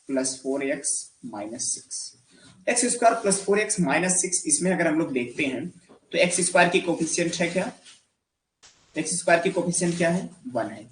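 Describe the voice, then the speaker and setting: A man teaching an algebra lesson in Hindi, with a fairly high voice for a man. He keeps asking questions and then answers them himself. The room around him is echoey. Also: slight background noise. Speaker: math teacher. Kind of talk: classroom lecture.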